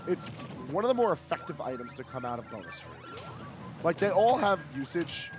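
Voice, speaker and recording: A man with a fairly high, very lively voice adds color commentary to a live game match, explaining mechanics in a dry, offhand way. Clear music plays in the background. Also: moderate pace. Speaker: esports co-commentator. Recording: music playing behind.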